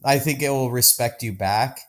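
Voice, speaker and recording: A Denver, Colorado man appears as a podcast guest, chatting casually and with enthusiasm while restarting his sentences a lot. His voice sits in the mid range and moves at a normal speed.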